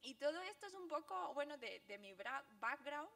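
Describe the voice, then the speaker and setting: Andalusian woman speaker, young, high-pitched, quick and lively, laughs often while telling stories to a crowd. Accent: Andalusian Spanish. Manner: fast, animated, laughing storyteller. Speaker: guest speaker, graphic novelist. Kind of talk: public talk at a book presentation.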